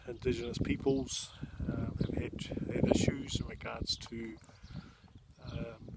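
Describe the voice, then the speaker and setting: A middle-aged man with a Māori New Zealand English accent, talking casually and unhurriedly with hesitations as he films a walk-around vlog outdoors. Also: mid-range voice. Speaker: vlogger showing family land. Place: outdoors on rural land. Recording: noisy outdoor amateur recording. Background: clear outdoor noise, birds.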